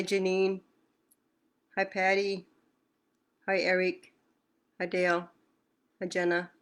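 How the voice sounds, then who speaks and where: A woman's voice: on the low side, fairly bright tone. A woman teaching a language lesson on a video call, patiently repeating words and answering questions.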